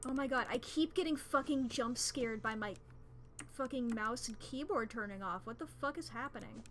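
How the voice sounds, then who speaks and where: A woman's voice: fairly high pitch, moderate pace. A woman doing live commentary on a horror game as a streamer, complaining and swearing freely as she plays. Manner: profane, complaining, ranting.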